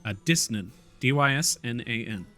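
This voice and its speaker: Male game master, relaxed descriptive narration, bright clear tone. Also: medium pitch, normal speed, soft background music.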